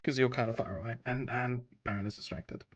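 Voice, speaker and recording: A man's voice: mid-range voice, steady tone, a little fast, noisy background. A man narrating a tabletop game as game master, hesitant with many fillers.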